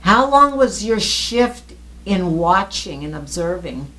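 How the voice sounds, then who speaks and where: A woman's voice: on the low side, very animated, takes it slowly, pushed and bright. A woman conducting a conversational oral history interview, attentive, with murmured acknowledgements and follow-up questions.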